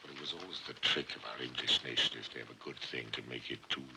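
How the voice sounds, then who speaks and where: A man playing a fat, jovial old English knight who speaks quickly and chuckles, on an old film soundtrack. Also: extremely low pitch, vocal fry, very noisy. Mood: wry. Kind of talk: classical Shakespearean film acting.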